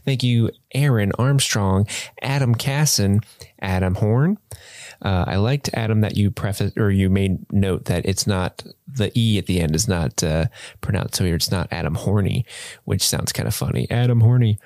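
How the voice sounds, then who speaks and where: During casual podcast chat, this co-host reads patron names aloud, joking, stumbling, and sing-songy in a playful way. His voice is on the low side and a little mellow, at a moderate pace, in a dry, studio-quality recording.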